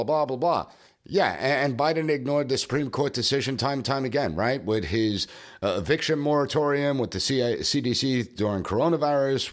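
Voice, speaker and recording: A man hosting a podcast, delivering an emphatic, argumentative political commentary monologue. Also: mid-range voice. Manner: emphatic, argumentative, mocking at times. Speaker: podcast host.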